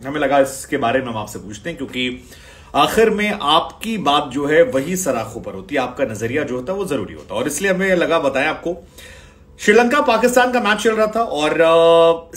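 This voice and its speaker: A man's voice: on the high side, a bit bright. Man hosting a cricket news talk. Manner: talks straight to viewers, reads out and sums up posts. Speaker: cricket channel host. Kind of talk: conversational news commentary.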